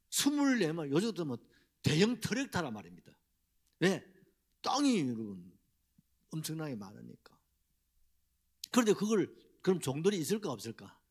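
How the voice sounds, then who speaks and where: A man's voice: a little high, slightly rough. A middle-aged man, preaching a Sunday sermon in a church and putting rhetorical questions to the congregation. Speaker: pastor. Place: church sanctuary.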